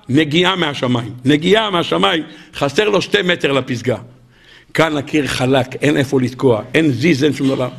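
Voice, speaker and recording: Man, rabbi, live sermon, bright voice, high pitch, acts out stories. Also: creaky. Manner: animated storytelling, acts out characters, rhetorical questions to audience. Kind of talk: weekly Torah portion sermon. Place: live talk before an audience.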